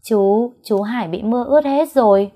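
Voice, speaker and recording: A woman voicing an anxious, sweet little girl in a narrated story. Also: warm tone. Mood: pleading. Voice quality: high and childlike, slow.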